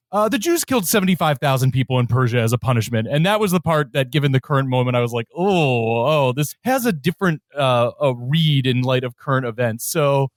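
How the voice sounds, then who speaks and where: A man talks through ideas on a podcast, relaxed and reflective. His voice sits a bit high, and the sound is dry and close. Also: dry recording. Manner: relaxed, reflective, often laughing. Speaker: podcast co-host. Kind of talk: casual chat.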